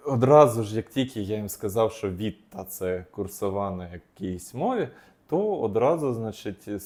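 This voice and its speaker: A man's voice: lowish voice, darkish tone. A man, a psychologist, explaining techniques off the cuff, with frequent hesitations and restarts. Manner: unscripted, many hesitations and restarts.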